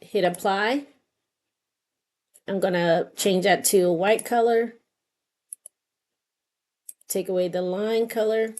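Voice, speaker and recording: A middle-aged craft tutorial host narrates an informal, step-by-step guide in a medium-pitched, steady, slightly mellow voice. She talks slowly and pauses often, unscripted and thinking aloud as she works.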